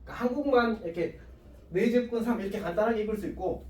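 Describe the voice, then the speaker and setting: A male high school math teacher giving a casual classroom lecture, chatty and self-mocking, always checking with the class. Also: fast talker. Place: classroom with students. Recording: echoey classroom, distant mic, faint hiss.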